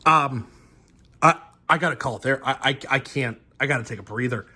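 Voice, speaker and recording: A man's voice: medium pitch, a little fast, bright, forceful tone. A man vlogging while sorting coins, talking to his viewers and stammering and repeating words in amazement. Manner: addresses viewers directly. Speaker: coin roll hunting vlogger.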